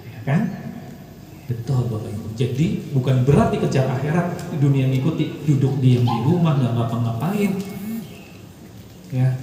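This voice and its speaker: A man's voice: mid-range voice, dark tone, recorded from a distance. Echoey motivational coach man in a hall. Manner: preachy, rising to emphatic calls to the audience. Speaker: business coach. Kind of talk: motivational seminar talk. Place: large hall with a live audience.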